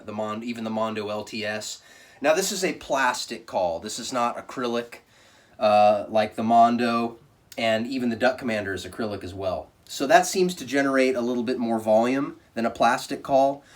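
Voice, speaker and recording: A man with a mid-pitched voice talks through a casual product review. He is plainspoken and conversational, like a reviewer speaking off the cuff. The voice sits a little way back from the microphone. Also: distant mic.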